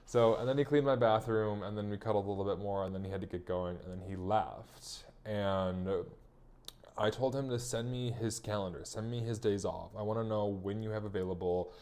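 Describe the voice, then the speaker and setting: Young man, lowish voice, candid profane diary-style monologue with heavy fillers. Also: fairly quick, darkish tone. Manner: profane, rambling with many fillers. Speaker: vlogger recounting a personal story.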